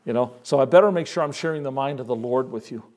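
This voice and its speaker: A male pastor preaching a sermon in a conversational way, moving between hushed asides and emphatic lines. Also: mid-range voice, fast talker.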